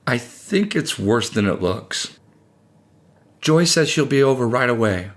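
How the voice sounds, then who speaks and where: Frantic young mother and wife, read by a man in an audiobook, pitched well up, anxious and pleading. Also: animated, a little slow, natural voice. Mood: worried coaxing.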